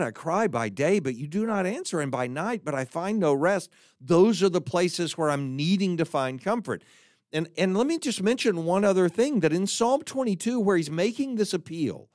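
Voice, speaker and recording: A man's voice: fairly high pitch, no room sound, clean studio sound. A man preaching a sermon, reading scripture aloud with emphasis and breaking into conversational asides.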